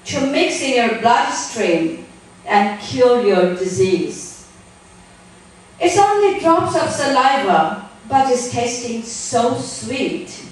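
A middle-aged woman, a guest reader, introduces and reads spoken-word poetry on a small indoor theater stage, measured and deliberate. Her voice sits on the high side. She uses a handheld mic, but a distant camera records her, so the sound is far off and very echoey.

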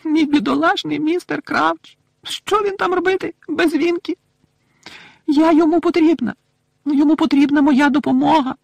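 A man voicing a weepy, loyal female house-elf who talks in a shrill voice with broken grammar in an audiobook. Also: steady tone, normal speed, creaky, no room sound. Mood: scolding tearful.

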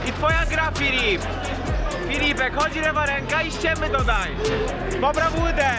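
A man shouting short, repeated coaching commands to a fighter from the corner at a fight event. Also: very high-pitched, normal speed. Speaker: vlogger cheering on a fighter from the corner. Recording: loud arena crowd and music.

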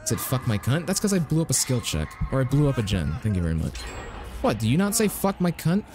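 A man streaming a horror game live, swearing freely and yelling dramatic cries for help as he plays. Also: mid-range voice, huge pitch swings, quick pace. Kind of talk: live gameplay commentary. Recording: music playing in background.

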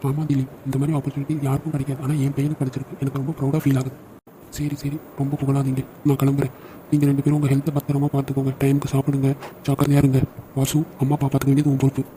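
A man's voice: medium pitch, monotone, rapid-fire, warm tone, slight background noise, close to an everyday voice, poor audio. A man voicing a caring young brother and loyal friend in a cartoon, brotherly and teasing. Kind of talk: cartoon dialogue acting.

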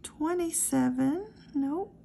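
A woman hosting a scratch-off ticket channel, reading numbers one by one in a slow, steady casual narration, recorded close indoors. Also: sits high, creaky, slight background noise. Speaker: lottery scratch-off channel host.

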